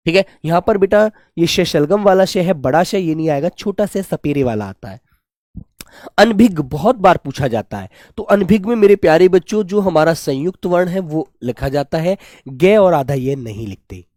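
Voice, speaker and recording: A man with a fairly high voice teaches spelling to exam students, fondly calling them his dear children. He lifts his voice loud for each new word and lets it fall soft and low for the reminders. The sound is dry and close, with no room in it. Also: no room sound. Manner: affectionate, repeatedly calls students "my dear children" and "beta". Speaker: Hindi teacher. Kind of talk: exam-prep spelling lesson.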